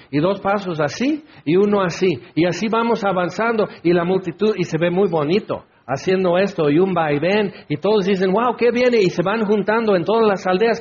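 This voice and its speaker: A man preaching a sermon in an animated way, acting out the crowd's voices. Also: high voice, breathy edge. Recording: dull lo-fi recording.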